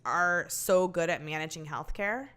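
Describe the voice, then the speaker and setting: A woman's voice: fairly low pitch, measured pace, fairly bright tone, smooth. A woman who is a guest on a casual podcast, speaking bluntly and frankly and laughing easily. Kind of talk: casual chat.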